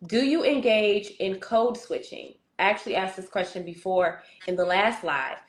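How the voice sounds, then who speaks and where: A woman's voice: medium pitch, normal speed, roomy sound, rough recording. A woman hosting a casual conversation, asking questions and reading prompt cards aloud. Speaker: host.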